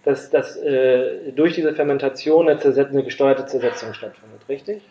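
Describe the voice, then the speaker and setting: A man's voice: mid-range voice, moderate pace, warm tone. A man hosting a podcast interview from a small workshop, talking casually with lots of fillers and restarts. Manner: hesitant, many fillers and restarts. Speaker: podcast host. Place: workshop in a city. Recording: echoey room, dull lo-fi sound. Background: production noise.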